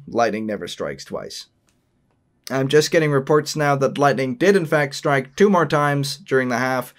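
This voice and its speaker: Guy doing a stuffy polite sports host, mid-pitch, formal and fed up. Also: close to an everyday voice. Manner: formal and prim, politely exasperated. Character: prim, exasperated sports interviewer and commentator. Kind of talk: comedic sports commentary.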